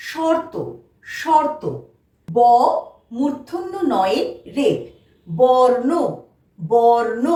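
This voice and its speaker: Lively-voiced woman teaching spelling. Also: on the high side. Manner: slow, patient, repeats each word twice. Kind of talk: children's spelling lesson. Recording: echoey room, mic at a distance.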